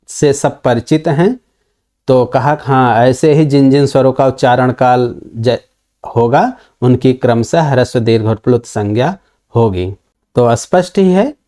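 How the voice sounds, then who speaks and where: A man gives a recorded online lesson in a mellow, darker voice at a medium pitch. He talks patiently and walks through each verse line by line. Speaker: Sanskrit grammar teacher.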